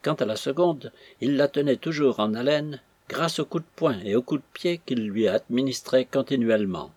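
A man reading a classic novel aloud in a steady, measured way, with a husky voice. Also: mid-range voice, no room sound. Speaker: audiobook reader. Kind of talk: scripted narration of a classic novel.

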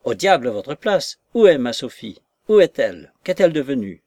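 A man doing a frantic lovesick young gentleman. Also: medium pitch, expressive, moderate pace, no room sound, clean studio sound, natural voice. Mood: urgent. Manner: urgent, exclamatory.

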